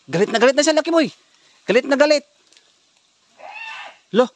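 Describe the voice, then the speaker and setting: A man with a high-pitched voice hunts ghosts outdoors in a forest, barking tense, urgent orders to his team. A faint wash of outdoor noise sits behind him. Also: expressive, normal speed. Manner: urgent, tense commands directing companions. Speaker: ghost hunter. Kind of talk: ghost-hunting vlog narration.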